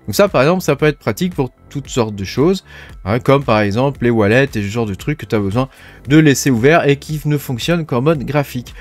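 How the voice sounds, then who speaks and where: A man's voice: medium pitch, expressive, brisk, soft background music. A man hosting a casual screen-share tech tutorial, talking informally to the viewer with many fillers. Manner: chatty, informal, frequent "hein" and "tu vois" fillers.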